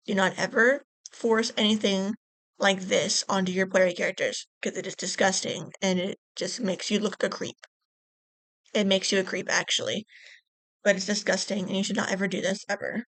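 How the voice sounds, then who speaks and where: A woman's voice: mid-range voice, steady tone, moderate pace, fairly bright tone, dry recording. A young woman reading tabletop game stories for her channel, earnestly scolding and repeating herself in casual vlog commentary. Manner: earnest, repetitive scolding, fillers.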